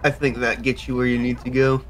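A man's voice: medium pitch, flat delivery, fairly quick, fairly bright tone, slight background noise. A man giving casual, sweary video game commentary as he advises the player in an instructive way. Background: video game music.

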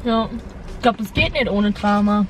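A woman's voice: medium pitch, moderate pace. A young woman in a casual chat with a friend inside a car. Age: young adult. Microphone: camera on the dashboard. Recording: noisy car interior, outdoor ambience.

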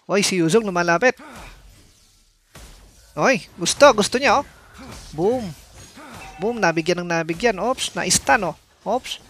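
This male streamer's voice sits high as he plays and narrates live gameplay. Excitable throughout, he lets out sudden exclamations and teases his opponents in a playful way.

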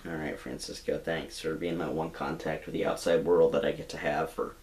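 Fairly quick and level, his bass voice carries a darkish tone. The young man is cast as a dejected young jailbird in a mockumentary comedy, sounding resigned as he rambles with faltering restarts into a camera in a small bedroom.

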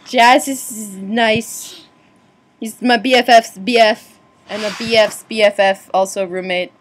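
A woman's voice: a little high, steady tone, unhurried. A young woman chatting and teasing friends in a dorm room vlog, giggly. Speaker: vlogger. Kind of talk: casual chat among friends.

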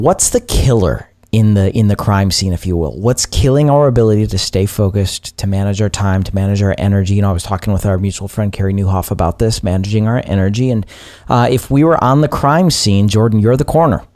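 A man hosting a podcast interview, asking long thoughtful questions in a measured way with a few fillers. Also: lowish voice, a little mellow, dry recording, studio quality. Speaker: podcast host.

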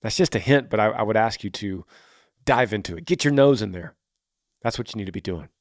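A man's voice: on the low side, lively intonation, fairly quick, no room sound, clean studio sound. A man in his forties hosting a podcast, answering a listener's question with earnest, encouraging, reflective advice. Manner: warm, encouraging, reflective with emphatic rises.

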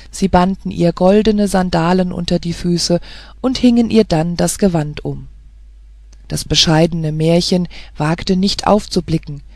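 An audiobook narrator reading a fairy tale in a measured, even storytelling manner. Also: mid-range voice, dry recording, clean studio sound.

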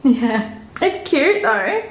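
A woman's voice: fairly high pitch, big pitch swings, extremely slow, roomy sound, poor audio. A young woman, telling stories in a chatty, giggly vlog style with lots of "like". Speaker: vlogger. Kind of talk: casual vlog chat.

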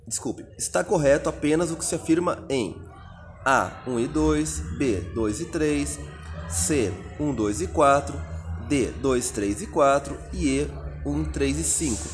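A man's voice: a little high, measured pace, faint music behind. A Brazilian man teaching a recorded exam-prep lesson, reading out answer options and explaining each one step by step. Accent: Brazilian Portuguese.

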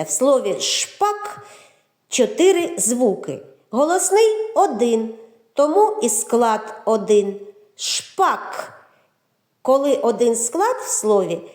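A woman's voice: on the high side, darkish tone, reverberant. A woman kindergarten teacher with a Ukrainian accent, giving a children's literacy lesson and speaking directly to the kids. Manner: slow, sing-song, addresses children directly.

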